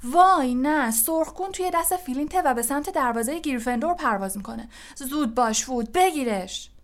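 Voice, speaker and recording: A woman voicing an excitable young male quidditch commentator in an audiobook, calling the match fast and loudly taking sides. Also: a little high, pitched above the performer's own voice, natural voice. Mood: excited. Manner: rapid, shouting, openly partisan commentary. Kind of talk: audiobook character voice.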